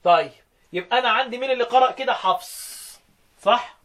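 A man with an Egyptian Arabic accent teaching Quran recitation rules, chanting verses slowly and quizzing his student. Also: very high-pitched, fairly bright tone. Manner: chants quoted verses slowly, then asks quick questions.

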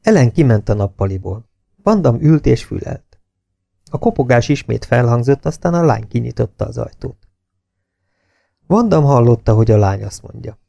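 Gravelly dark-voiced guy reading an audiobook, steady pace, dry close mic. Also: medium pitch, no echo. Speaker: audiobook narrator. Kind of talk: scripted audiobook narration.

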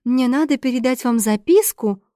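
A woman voicing a timid, romantic eighteen-year-old noble girl who pleads and frets in a high, rising voice. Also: normal speed, dark tone, no room sound, clean studio sound, lightly acted. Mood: anxious.

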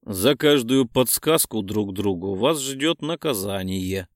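A man reading an audiobook, voicing a sly young man who speaks in a measured, deliberate way. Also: on the low side, expressive, no echo, studio quality.

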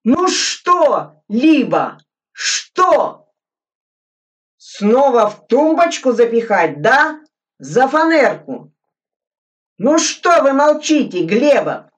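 A woman's voice: high voice, big pitch swings, extremely slow, voice pushed up, full character voice. A woman doing a flustered young lieutenant. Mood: exasperated. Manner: exasperated, shouting in frustration. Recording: muffled, distant lo-fi recording.

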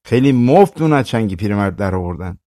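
A man's voice: on the low side, lively intonation, warm tone, no echo, lightly acted. Junk dealer, a cheerful hawker, read by a male narrator, storybook, dry mic. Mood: pleased. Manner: calling out like a street vendor. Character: street junk dealer man, cheerful and thrifty.

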